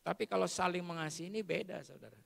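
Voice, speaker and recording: Indonesian pastor preaching, high bright voice, big echoey church hall, goes loud then drops to a hush. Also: male voice, rapid-fire, gravelly. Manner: dramatic, swings between loud emphasis and hushed asides. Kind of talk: sermon. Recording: long hall reverb.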